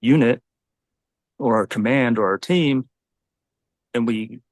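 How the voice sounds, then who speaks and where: A man's voice: medium pitch, slow, a little mellow, no room sound, studio quality. A man in his forties, a Navy SEAL, talking earnestly and reflectively in a podcast conversation.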